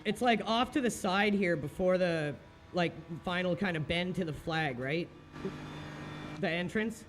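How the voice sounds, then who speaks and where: A man's voice: sits high, unhurried. A man who is a sim racing driver, chatting casually with his team as a car engine runs behind him. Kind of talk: casual team radio chat. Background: race car engine noise.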